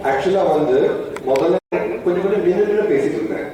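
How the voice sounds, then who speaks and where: Fast-talking man with a Tamil Indian accent. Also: high-pitched, expressive, music in the background. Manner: didactic, with short rhetorical questions. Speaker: doctor presenting at a hospital event. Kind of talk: explanatory talk to an audience. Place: stage in an event hall. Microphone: headset. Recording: echoey hall from far off, faint noise.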